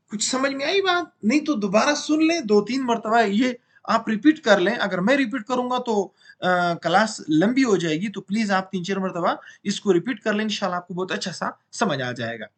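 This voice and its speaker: A man's voice: high voice, a bit bright. A man teaching beginners to read, with an Urdu accent, drilling syllables one at a time with patient repetition and checking that the listener understands. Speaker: Quran reading teacher. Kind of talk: recorded lesson for beginners.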